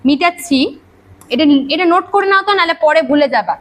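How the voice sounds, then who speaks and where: A woman with a strikingly high voice teaches grammar in a classroom, speaking. She drills her pupils with rapid rhetorical questions and scolds them when they chat. Her tone is brisk and teacherly throughout. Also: expressive, a bit bright, poor audio. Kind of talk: classroom lecture. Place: classroom with students.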